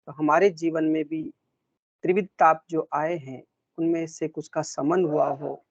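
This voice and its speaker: A man moderating an online devotional session, speaking calmly and courteously. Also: a little high, a little slow, no room sound. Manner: calm, courteous, formal. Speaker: host of an online satsang session. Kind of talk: moderating a devotional group call. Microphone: video call. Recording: dull dry call audio.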